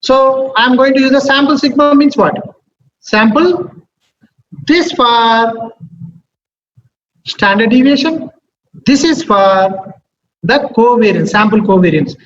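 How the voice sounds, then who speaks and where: High-pitched Telugu-accented man lecturing, echoey room. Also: a bit bright. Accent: Telugu Indian. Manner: repeats phrases and checks in with questions. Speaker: teacher. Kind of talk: live classroom maths lecture. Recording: echoey room, dull sound, faint noise.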